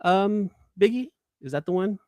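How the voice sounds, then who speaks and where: A man hosts a casual livestream, chatting informally and enthusiastically with viewers and often repeating phrases for emphasis. His voice sits high with lively intonation and a darkish tone, at normal speed. The sound is clean studio audio with no echo.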